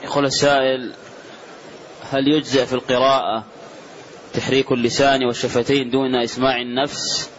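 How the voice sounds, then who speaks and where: Flat-voiced man reading out questions. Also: mid-range voice, a little fast, long pauses. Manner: plain, formulaic reading. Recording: dull lo-fi recording with faint noise.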